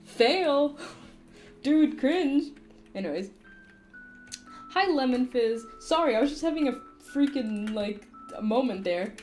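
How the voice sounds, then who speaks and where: A woman's voice: fairly high pitch, expressive, moderate pace, darkish tone, faint music behind. A young woman streaming while she draws, chatting casually, rambling and giggling and swearing now and then.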